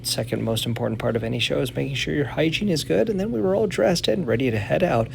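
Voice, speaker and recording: Guy narrating his vlog, super gravelly fry in the voice, lots of noise behind him. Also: mid-range voice, lively intonation, fast. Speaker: ring announcer and vlogger. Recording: loud background noise.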